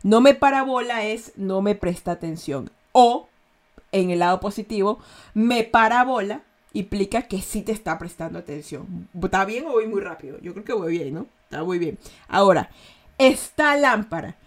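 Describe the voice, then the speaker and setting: A chatty woman with an Ecuadorian accent, her pitch sitting in an ordinary middle range. She hosts a relaxed slang lesson, explaining expressions with examples and asking her listeners whether they are following. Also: normal speed. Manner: chatty, checks in with "¿ya?" often. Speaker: host teaching slang.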